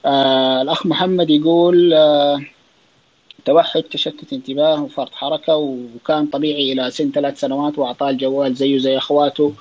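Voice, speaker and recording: A man with a Saudi accent, a child psychiatrist, talks quickly through listener questions in a loose, explanatory way, full of fillers and restarts. His voice sits a little high for a man. The sound is dull and lo-fi, like a voice streamed through an online audio room. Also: little pitch movement, darkish tone. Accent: Saudi Arabic. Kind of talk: casual spoken Q&A on an online audio space.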